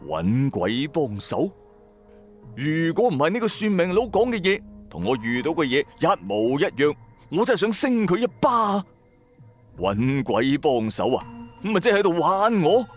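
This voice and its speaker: Slightly high-pitched and very animated at a normal pace, this man sounds irritated and skeptical over background music. He's the lead and first-person narrator of a radio drama, voicing a hot-tempered, streetwise, hard-pressed electronics dealer gone bankrupt. He tells the tale in a colloquial, emphatic way.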